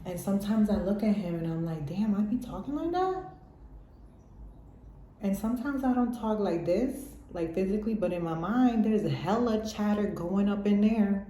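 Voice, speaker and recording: A woman's voice: medium pitch, warm tone, a little hiss or hum. A woman speaking in a candid, slangy way, laughing often, giving casual motivational life advice as a mother. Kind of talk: casual motivational vlog talk. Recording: roomy echo.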